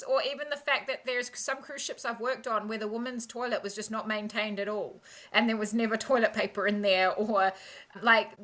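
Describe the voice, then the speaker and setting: A woman guest, a maritime professional, chatting frankly and telling lively stories in an interview. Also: a little high. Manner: lively storyteller who acts out quoted people; frank and candid. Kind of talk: casual interview chat.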